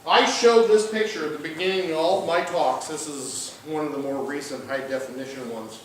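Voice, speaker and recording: An older man with a slightly high voice and an accent from the Ozarks of southern Missouri speaks in a folksy, halting way, pausing often. He's a college professor giving an informal public lecture as a guest in a large indoor lecture hall. The distant mic picks up heavy room echo and faint background noise.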